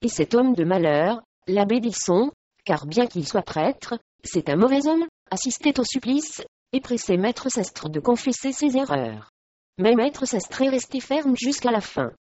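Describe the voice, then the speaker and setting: A woman's voice: fairly high pitch, very animated, a little slow, warm tone, dry recording. A woman reading aloud voices a loyal, upset young servant woman in an earnest tone, in a dull lo-fi recording.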